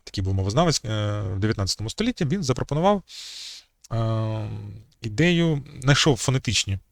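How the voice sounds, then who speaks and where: Low-voiced man lecturing with many pauses. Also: expressive, no room sound. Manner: hesitant, many fillers and restarts. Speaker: channel host. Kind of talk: unscripted history lecture.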